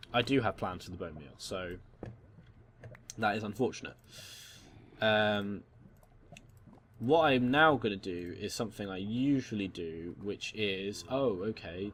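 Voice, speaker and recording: A man's voice: expressive, measured pace, slight background noise. A young man rambling casually as he plays and comments on a game. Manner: rambling storyteller, voices quotes high and loud. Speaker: gaming channel host.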